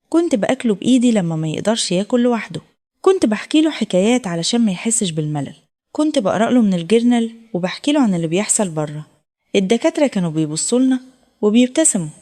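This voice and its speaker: A woman's voice: mid-range voice, dark tone. A woman with an Egyptian accent narrating a heartfelt first-person story. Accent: Egyptian Arabic.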